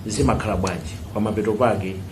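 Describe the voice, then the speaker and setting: A man's voice: on the low side, fairly even intonation, fast. A man with a Malawian accent moderating a news briefing and putting questions to the speakers. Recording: clear background noise.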